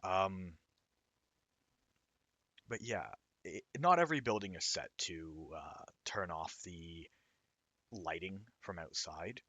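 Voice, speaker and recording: A man with a hoarse, raw throat, casually explaining his own game while he plays it. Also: sits low, animated, slow, pauses often, sharp tone, dry recording. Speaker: indie game developer. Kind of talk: let's-play commentary.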